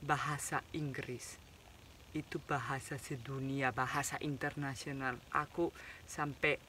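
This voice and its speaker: A Spanish man who natively speaks Spanish and Basque chats casually with viewers in his vlog, speaking Indonesian as a foreigner with a mixed foreign accent and informal slang. His mid-range voice is bright and forceful, a little slow, with little pitch movement. There's a slight hiss or hum.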